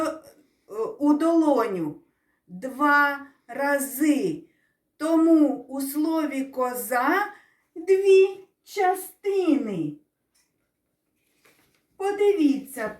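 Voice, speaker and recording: A woman teaching young children, explaining in a drawn-out, sing-song way and asking the class questions. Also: sits high. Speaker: kindergarten teacher. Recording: echoey room, voice from a distance.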